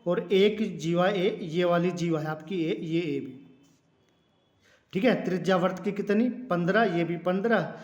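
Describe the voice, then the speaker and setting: This man's voice is high yet darkish in tone, and he takes an unhurried pace as he teaches math one step at a time. The room is reverberant. Calling his pupils "children," he repeats key words and clears his throat from time to time.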